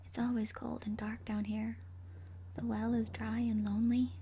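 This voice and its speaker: A woman voicing the gleefully vengeful ghost of a five-year-old girl in a horror story, hushed and haunting, breathy, often slipping into a whisper. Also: a little high, little pitch movement, normal speed, slight background noise, natural voice. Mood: creepy, gleeful. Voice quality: breathy, husky. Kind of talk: first-person horror story narration.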